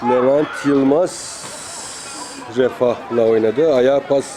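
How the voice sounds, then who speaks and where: Man, football play-by-play, clipped name-calling phrases, mid pitch, outdoor crowd noise. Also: slow, poor audio. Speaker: football commentator. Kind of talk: live football play-by-play commentary.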